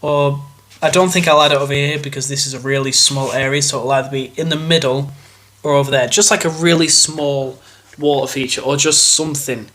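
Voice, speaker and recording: Speaking a little fast in a steady, somewhat bright medium-pitched voice, a young man with a cold-clogged, stuffy voice gives a loose, rambling walkthrough of his model railway, full of fillers and restarts as he thinks aloud.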